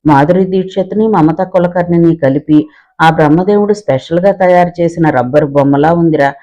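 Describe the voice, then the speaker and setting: A man's voice: on the high side, fairly quick, warm tone, highs cut off, lightly acted. A man voicing a suspicious male lorry driver who mutters his remarks.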